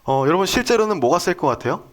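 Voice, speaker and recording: Male preacher in his 30s, animated pitch, chatty and joking with the congregation. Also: rapid-fire. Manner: conversational, jokey, asks the congregation questions. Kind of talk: sermon with storytelling.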